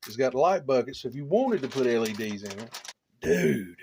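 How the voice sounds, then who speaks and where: A middle-aged man hosting a casual chat in his home hobby shop, excitable and swearing a lot as he exclaims over things. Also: medium pitch, moderate pace, a little hiss or hum. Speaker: channel host.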